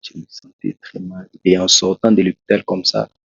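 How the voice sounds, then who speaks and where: A Congolese preacher, a man, tells his testimony in an interview, slowly and haltingly, with many restarts. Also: deep voice, little pitch movement, gravelly, fairly bright tone, slightly rough, no echo. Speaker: preacher, guest. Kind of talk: testimony in a talk show interview. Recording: dull, lo-fi dry sound.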